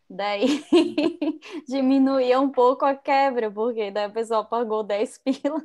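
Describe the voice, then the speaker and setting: A woman, an event organizer chatting casually and relaxed before a live online event. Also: on the high side. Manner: relaxed, conversational.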